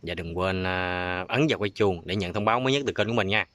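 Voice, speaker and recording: A man's voice: low-pitched, quick pace, heavy background noise. A man with a Southern Vietnamese accent chatting casually as the host of a prank-call video. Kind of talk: casual vlog chat.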